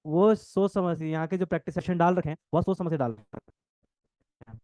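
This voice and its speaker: A man teaching a coaching class, dictating notes and repeating phrases, talking fast and joking with students now and then. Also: on the high side, darkish tone, no echo. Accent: north Indian Hindi. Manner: jokes with students, laughs often.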